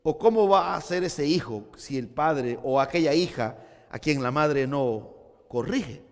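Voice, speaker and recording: High-voiced man preaching a fervent sermon. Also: expressive, unhurried, big-room sound. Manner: fervent preaching, repeats words for emphasis. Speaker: pastor.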